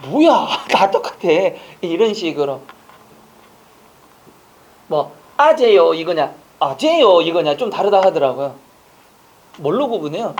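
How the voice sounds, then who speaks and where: A man teaching an online exam-prep lecture, quizzing listeners with rapid rhetorical questions and casual joking asides. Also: fairly high pitch, animated, a little mellow.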